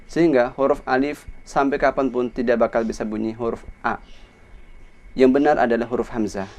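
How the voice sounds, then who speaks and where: An Indonesian man leads a recitation lesson, pronouncing Arabic letters one at a time. He speaks slowly and deliberately, repeating each sound for practice. His voice sits in a plain middle pitch. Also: darkish tone. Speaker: Quran recitation teacher. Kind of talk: instructional lesson on letter pronunciation.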